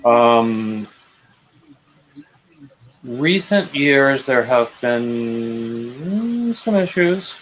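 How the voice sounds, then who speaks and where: A man's voice: mid-range voice, expressive, drawn-out words, long pauses, highs cut off, a little hiss or hum. A man in his fifties hosting a casual knitting livestream, hesitant and self-deprecating, with dry jokes and many restarts. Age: 50s. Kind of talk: casual chat while knitting.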